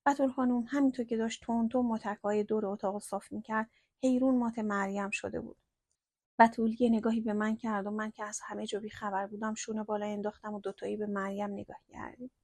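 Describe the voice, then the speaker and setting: A woman narrating a first-person story in a slow, hushed storytelling manner. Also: medium pitch, flat delivery, dry recording.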